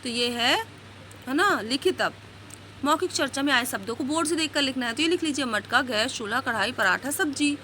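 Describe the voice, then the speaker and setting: Woman teacher, high voice, question-by-question workbook explainer, faint background hum. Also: lively intonation, normal speed, bright, forceful tone. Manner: explains each question and reads out answers, asking "है ना?". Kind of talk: workbook lesson walkthrough.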